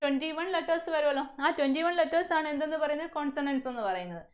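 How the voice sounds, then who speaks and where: An English teacher at a coaching centre in Kerala, India, talks fast in a high-pitched voice with a Malayali accent. During her classroom lesson she frequently asks questions and then answers them herself.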